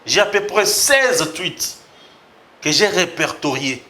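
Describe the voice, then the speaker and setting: The host of a political commentary show reads tweets aloud and responds, shifting between French and Lingala. His bright voice is high and very animated, though his pace is slow.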